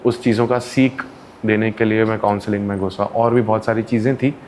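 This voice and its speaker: Speaking a little quickly in a lowish voice, this man is a counsellor guesting on an interview. He tells stories in relaxed conversation, lively and playful, doing voices for the people he quotes, with faint noise in the background.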